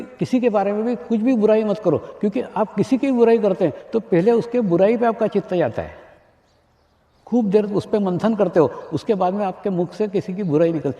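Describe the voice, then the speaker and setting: A high-voiced man delivers a spiritual discourse with a mellow, dark tone, repeating his points and putting rhetorical questions to his listeners. The sound is a dull lo-fi archive recording with long reverb from a large hall. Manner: repeats phrases, asks the audience rhetorical questions. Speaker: spiritual teacher.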